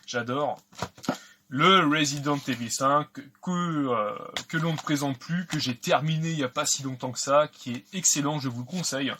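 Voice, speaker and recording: A man's voice: on the high side, normal speed. Chatty man unboxing games, noisy background. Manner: chatty, hesitant with many fillers. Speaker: video game collector vlogger. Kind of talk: casual unboxing commentary.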